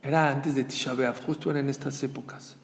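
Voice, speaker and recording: A man giving a religious talk as a Torah teacher, an animated storyteller who acts out the dialogue. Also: medium pitch, a little fast, vocal fry. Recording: dull echoey hall recording.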